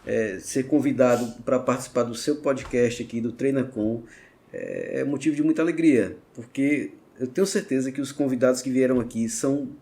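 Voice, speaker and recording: A man's voice: medium pitch, expressive, moderate pace, mellow. A man, a guest entrepreneur, answering politely and thanking the host formally. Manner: polite, formal gratitude, short affirmations. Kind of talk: casual interview chat.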